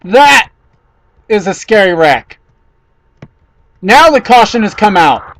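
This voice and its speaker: A man giving excitable play-by-play commentary on a race, his voice jumping high and loud whenever cars tangle. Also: slow pace, rough recording.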